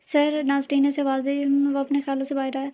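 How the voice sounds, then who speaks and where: A woman reads a romance novel aloud in a high, mellow voice that barely rises or falls. She keeps a steady pace and stumbles now and then before going on. The recording sounds dull and lo-fi. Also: brisk. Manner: steady flat reading with slips and restarts. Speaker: audio novel reader.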